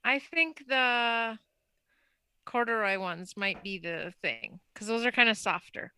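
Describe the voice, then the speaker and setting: A woman co-hosting a podcast in casual, animated chat, laughing often with her co-host. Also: fairly high pitch, takes it slowly, clear, resonant tone. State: just back from a hard workout class.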